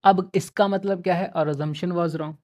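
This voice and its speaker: A man's voice: sits high, fairly even intonation, slow pace, darkish tone. A young man teaching a math class online, chatty and encouraging, switching freely between Hindi and English. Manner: chatty, mixes Hindi and English, addresses students as friends.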